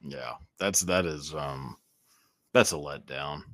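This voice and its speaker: A man's voice: rumbling low, slow pace, a bit bright, no room sound, studio quality. A man with a standard American accent in casual, comedic podcast chat, often repeating short phrases as he goes. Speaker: podcast host.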